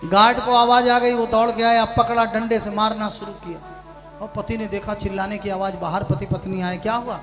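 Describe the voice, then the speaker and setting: High-voiced male preacher telling a parable. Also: flat delivery, moderate pace, over music. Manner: shifts between hushed storytelling and loud shouted punchlines. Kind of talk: sermon storytelling with acted dialogue.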